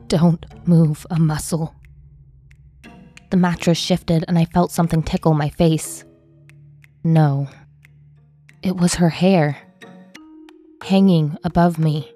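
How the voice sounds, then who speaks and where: A woman narrating horror stories in a soft, measured reading voice. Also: on the low side. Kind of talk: scripted horror story narration.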